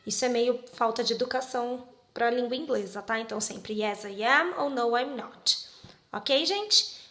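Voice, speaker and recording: Brazilian lady teaching english, slow and patient, bright voice in an echoey room. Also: on the high side, expressive. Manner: slow, patient, explains step by step with frequent check-ins. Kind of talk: classroom grammar lesson.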